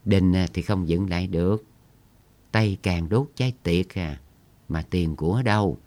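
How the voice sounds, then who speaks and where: A chatty, brisk middle-aged village mother, voiced by a male storyteller, quick to change the subject. The voice stays deep and low throughout this storybook reading. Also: darkish tone, lightly acted.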